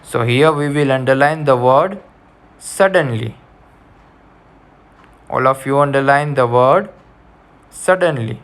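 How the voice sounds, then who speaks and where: A man's voice: medium pitch, normal speed, few pauses, a bit bright, clear, resonant tone. A male teacher giving a reading lesson, dictating words to underline and repeating each instruction. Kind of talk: slow classroom reading lesson.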